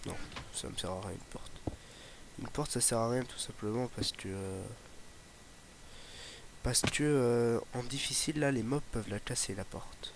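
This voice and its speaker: A little slow and mid-range in pitch, a young man's voice with a slight Ardèche accent rambles through casual Let's Play commentary as a gaming YouTuber. He leans on fillers and keeps restarting sentences, and the home recording is noisy.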